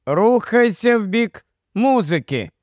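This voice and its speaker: A man reading an audiobook, voicing a quiet, secretive young man who speaks calmly and holds things back. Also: high voice, slow pace, no room sound, studio quality, pitched above the performer's own voice, heavily acted. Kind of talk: audiobook character voice.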